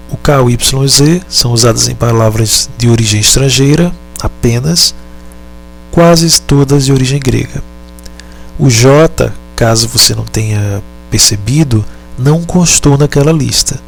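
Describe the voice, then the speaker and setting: A man teaching a lesson, speaking deliberately, pausing often and correcting himself. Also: medium pitch, gravelly. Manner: deliberate, halting, repeats and self-corrects. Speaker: Latin teacher. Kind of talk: slow explanatory lesson.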